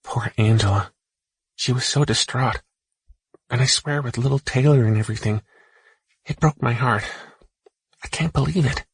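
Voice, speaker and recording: A man voicing a gentle, caring young woman in an audiobook, talking softly and earnestly. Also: medium pitch, moderate pace, creaky, pauses often, slightly rough, dry recording, voice pushed up. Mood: upset. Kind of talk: audiobook character voice.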